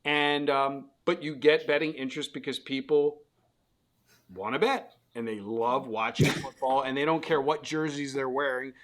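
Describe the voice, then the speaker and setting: A man's voice: medium pitch, steady tone, normal speed, fairly bright tone. A middle-aged man hosting a casual betting chat, rambling and restarting his questions as he talks. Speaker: host. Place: Las Vegas.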